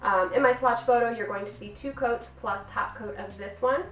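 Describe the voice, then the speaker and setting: A woman's voice: fairly high pitch, moderate pace, fairly bright tone. Bubbly woman reviewing nail polish. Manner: bubbly and gushing. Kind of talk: product review vlog. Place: home filming room. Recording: roomy, distant mic, faint music.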